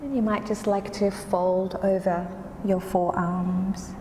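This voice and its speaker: A woman yoga instructor guiding a class in a calm, soothing, unhurried way. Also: medium pitch. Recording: roomy, reverberant space with faint noise.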